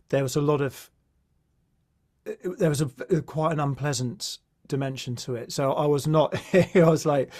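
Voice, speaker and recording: A man's voice: fairly high pitch, a little mellow. A man hosting a podcast interview, talking in a casual, hesitant way with many fillers and restarts. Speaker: podcast host.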